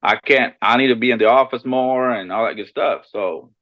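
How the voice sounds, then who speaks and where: A man from Costa Rica, a guest on a podcast, telling his story in a relaxed, friendly way with short answers and small restarts. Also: medium pitch, normal speed, narrow, tinny audio. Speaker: shed hauling business owner, podcast guest. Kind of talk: casual interview chat.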